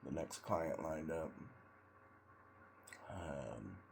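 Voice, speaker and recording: A man sitting in ice cold water, giving a casual, rambling monologue in a halting way with long pauses between short phrases. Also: a bass voice, lively intonation, creaky, a little mellow, a little hiss or hum. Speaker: vlogger, tradesman in auto body and paint.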